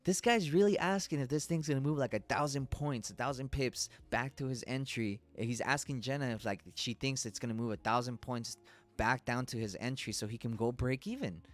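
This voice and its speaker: A man's voice: mid-range voice, fairly even intonation, moderate pace, fairly bright tone. A man hosting a live trading stream, talking loosely and casually through chart analysis, swearing and laughing as he goes.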